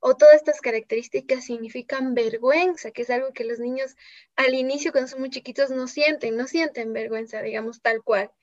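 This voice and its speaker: A woman speaking as a guest on parenting, calmly explaining children's emotions in a soft voice that often trails off quietly. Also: high voice, brisk, no echo. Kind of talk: calm explanatory talk. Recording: slightly dull lo-fi sound.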